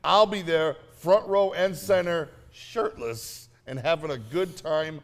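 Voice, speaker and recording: A man's voice: a little high, takes it slowly. A man co-hosting a comedic infomercial, announcing festival acts with crude, repetitive, mock-solemn hype.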